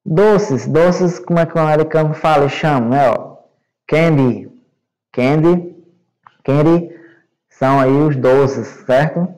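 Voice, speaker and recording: A Brazilian male English teacher giving a recorded online class to young students, explaining slowly and patiently and checking understanding often. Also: a little high, steady tone, a little mellow, poor audio. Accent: Brazilian Portuguese. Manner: repeats words and checks with "né?" and "certo?".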